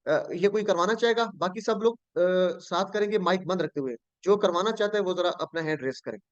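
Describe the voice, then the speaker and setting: A man's voice: high-pitched, no room sound, highs cut off. A man teaching a Quran and Arabic grammar lesson in an online class, speaking with a flavor, patiently repeating words and quizzing his students.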